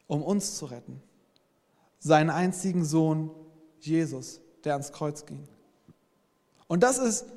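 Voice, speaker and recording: A man's voice: high-pitched, a little mellow. Earnest man preaching in a reverberant hall. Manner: earnest, speaks straight to listeners with frequent "hey". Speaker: pastor. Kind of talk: sermon. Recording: long reverb from a large hall.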